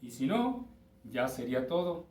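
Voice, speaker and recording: Lively Mexican man teaching English grammar. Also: mid-range voice, unhurried, distant mic. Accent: Mexican Spanish. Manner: patient, explains step by step, checks in with students. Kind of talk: recorded class lesson. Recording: roomy, from off-mic with faint ambience.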